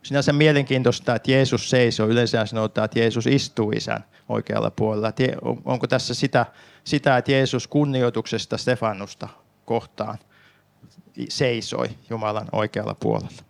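A man with a gravelly, creaky voice at a middle pitch preaches from the Bible. He talks in a calm, explanatory way and turns to his listeners as he works through the passage.

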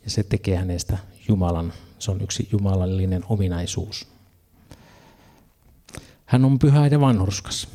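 A man's voice: low voice, pauses often, warm tone. A man preaching a sermon, earnest, reading scripture passages and adding casual asides.

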